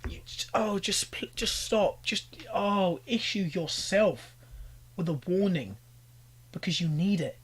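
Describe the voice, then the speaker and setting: A man's voice: sits high, slow pace. A young British man giving exasperated, ranting reaction commentary, pleading with the people on screen. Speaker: commentary YouTuber.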